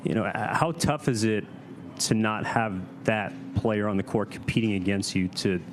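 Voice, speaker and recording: A male sports reporter with a fairly low voice puts a question at a press conference. His phrasing is halting and rambling, with clear noise around him. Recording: noisy press room ambience.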